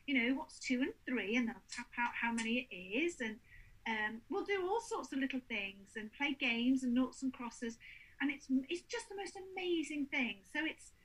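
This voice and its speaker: A woman's voice: sits high, normal speed, poor audio. A woman, a paranormal investigator telling stories in casual chat and acting out the people she quotes. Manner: animated storyteller, acts out quotes.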